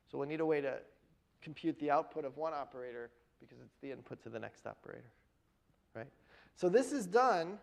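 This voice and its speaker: A university lecturer giving a classroom lecture, explaining step by step and often pausing to check in with the students. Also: male voice, a little high, creaky, a little mellow, poor audio. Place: lecture hall.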